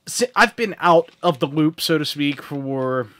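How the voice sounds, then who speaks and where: A man's voice: a little high, animated, a little slow, fairly bright tone, dry recording. A young man hosting a casual podcast chat, rambling, laughing easily and swearing as he talks. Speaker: podcast host.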